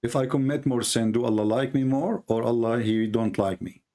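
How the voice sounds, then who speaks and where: A religious debater hosts a heated live debate in English, which is not his first language; he grew up speaking Arabic. He keeps insistently repeating phrases in a mid-range, dark-toned voice at normal speed.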